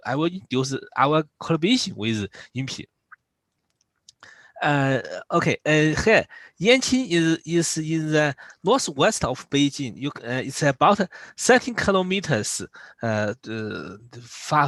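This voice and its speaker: A man with a Chinese accent, a non-native speaker, giving a scientific presentation in careful, halting English with repeated words. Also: a little high, a bit bright, no room sound. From China. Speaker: invited speaker. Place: online video call.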